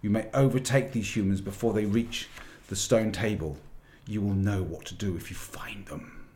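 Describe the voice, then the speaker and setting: A man's voice: on the low side, normal speed, darkish tone, close to an everyday voice. A man reading aloud and voicing an imperious, cruel witch queen with clipped commands. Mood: commanding.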